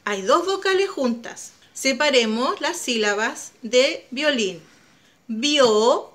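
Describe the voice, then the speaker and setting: A woman's voice: sits high, lively intonation, slow, fairly bright tone. A woman teaching young children a phonics lesson, drawing out each vowel sound and asking encouraging questions.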